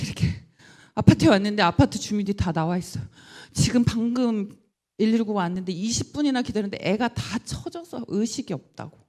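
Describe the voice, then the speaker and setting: A middle-aged woman preaching a personal testimony from the pulpit. Her voice is mellow and warm. She tells her story with animated delivery and acts out the voices of the people in it. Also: medium pitch. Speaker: guest speaker, school principal. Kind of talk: sermon testimony.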